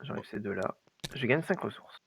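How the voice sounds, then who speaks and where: A man's voice: on the low side, lively intonation, moderate pace, vocal fry, fairly bright tone, husky, dry recording. A man chatting casually as a player in a tabletop game, announcing his moves and explaining choices. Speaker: player in a cooperative card game.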